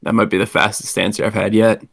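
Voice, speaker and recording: A man's voice: on the low side, level tone, quick pace, vocal fry, fairly bright tone. A man playing an online party trivia game, making dry, wisecracking remarks. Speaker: game player. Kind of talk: casual online game chat.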